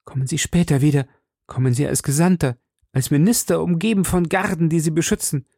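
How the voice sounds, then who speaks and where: A man's voice: a little high, brisk, creaky, a little mellow, no room sound, clean studio sound, voice pushed up. Man voicing a pleading, frightened queen. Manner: raised, imploring, breathless exclamations. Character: anxious pleading woman, a queen.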